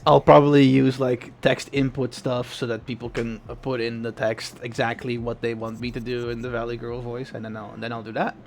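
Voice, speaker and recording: A man's voice: mid-range voice, flat delivery, brisk, few pauses. Young man, streamer, casual rambling chat, faint background noise. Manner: chatty, rambling, answers chat questions.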